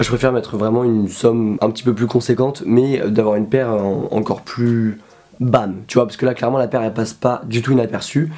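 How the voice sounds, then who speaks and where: A man's voice: mid-range voice, darkish tone. A young man from France, sick at the moment, chatting casually and rambling with slang and fillers as he reviews sneakers for his channel. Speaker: YouTuber.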